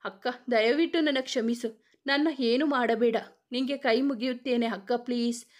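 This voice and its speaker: A woman's voice: fairly high pitch, fairly even intonation, moderate pace, natural voice. A woman voicing a frightened young bride begging for mercy. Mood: pleading. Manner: pleading, tearful.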